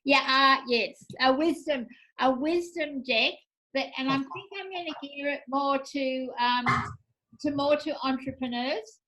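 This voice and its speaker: A woman's voice: high voice, a little slow, fairly bright tone, rough recording. A woman hosting a chat show, talking about her art in a chatty, enthusiastic way. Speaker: show host, artist. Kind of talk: casual chat.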